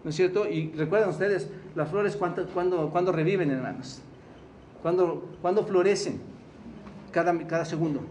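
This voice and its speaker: Mexican male pastor, higher register, questioning preaching style, faint background noise. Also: moderate pace, a little mellow. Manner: questions the congregation, repeats words for emphasis. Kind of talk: sermon.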